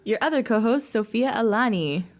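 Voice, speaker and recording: A woman's voice: fairly high pitch, lively intonation, normal speed. A woman co-hosting a podcast, upbeat, reading a guest introduction and chatting casually. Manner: upbeat, reads intro smoothly. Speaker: podcast co-host.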